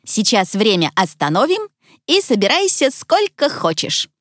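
A woman voicing a calm, wise magical clock creature who speaks in a steady, reassuring tone. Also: fairly high pitch, measured pace, dry recording, studio quality, heavily acted.

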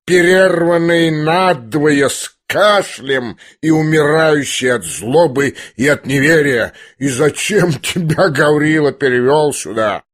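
A man voicing a proud, wounded old retired general who bellows slowly and shakily in a rage. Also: medium pitch, natural voice. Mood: furious. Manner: bellowing, slow and shaky.

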